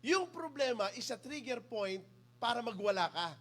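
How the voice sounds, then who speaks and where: A male pastor with a Filipino accent delivers a sermon in a high, lively voice that swings up and down. He jokes with the congregation and calls on people by name. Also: moderate pace. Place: church.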